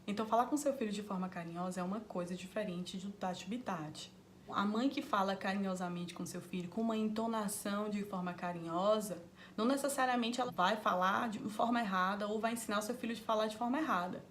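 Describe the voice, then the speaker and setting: A woman with a Brazilian Portuguese accent, hosting a parenting channel and calmly explaining tips to parents straight to camera. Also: medium pitch, quick pace, slight background noise. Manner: calm, directly advising parents.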